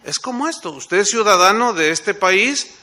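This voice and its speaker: A pastor from Mexico with a Mexican accent, preaching a sermon through animated stories and rhetorical questions. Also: male voice, high voice, moderate pace.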